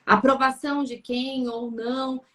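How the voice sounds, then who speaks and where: A woman's voice: high voice, fairly even intonation, unhurried, fairly bright tone. A woman, a therapist co-hosting a live Q&A, who talks things through with a string of probing, reflective questions. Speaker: therapist co-host. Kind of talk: live Q&A chat.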